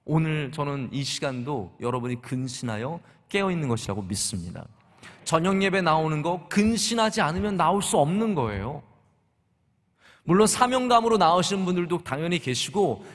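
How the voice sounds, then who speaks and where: A middle-aged man preaching a sermon as pastor, talking conversationally and asking the congregation rhetorical questions. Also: high voice. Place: church sanctuary. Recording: long church hall reverb.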